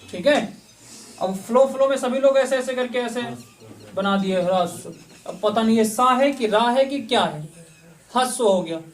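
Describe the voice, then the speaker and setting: A man teaching an online exam-prep class. He asks questions and answers them himself, repeating the key points. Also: extremely high pitch. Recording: voice somewhat distant from the mic.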